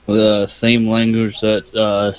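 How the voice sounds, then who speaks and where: A man's voice: on the low side, completely flat delivery, takes it slowly, dull audio. A man with a Canadian accent playing a tabletop game, joking around and swearing casually. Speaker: player.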